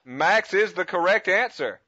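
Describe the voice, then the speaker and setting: A man playing an upbeat, booming radio prize-quiz announcer with scripted game-show patter. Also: expressive, a little slow, background noise. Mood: showy. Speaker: prank radio host. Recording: dull lo-fi prank call audio.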